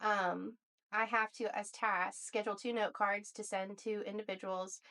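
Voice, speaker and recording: A woman in her thirties co-hosting a casual podcast, animated and blunt with quick exclamations. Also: medium pitch. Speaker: podcast co-host. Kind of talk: casual chat.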